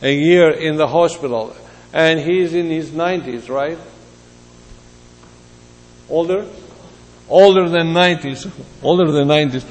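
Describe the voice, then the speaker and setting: Slow older man preaching in a hall. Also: a little high. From Greece. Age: 70s. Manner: halting, reflective, personal asides. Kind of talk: sermon.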